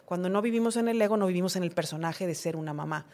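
A woman's voice: on the low side, fast talker, darkish tone. A middle-aged woman, a podcast guest, talking reflectively in a conversational interview and acting out her own inner dialogues.

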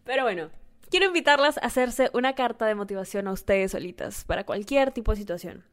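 A woman hosting her own podcast alone, talking in a gushing, affectionate way and getting excited easily. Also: mid-range voice, quick pace. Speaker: podcast host. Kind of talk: casual solo podcast talk.

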